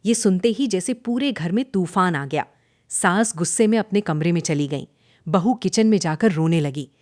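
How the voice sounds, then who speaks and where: Lively woman narrating a cartoon story. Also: fairly low pitch, moderate pace, no echo, clean studio sound. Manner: dramatic storytelling.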